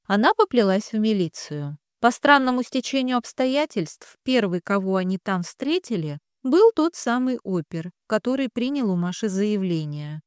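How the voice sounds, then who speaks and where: Expressive woman narrating a story. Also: mid-range voice, moderate pace, few pauses, clean tone, no echo, studio quality. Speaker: audiobook narrator. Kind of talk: scripted narration.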